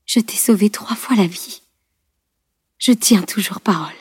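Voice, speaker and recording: A woman's voice: mid-range voice, flat delivery, brisk, mellow, slightly rough, dry recording, clean studio sound, close to an everyday voice. A woman reading an audiobook and voicing a dying young woman warrior who whispers with strain and little breath. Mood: faint tender.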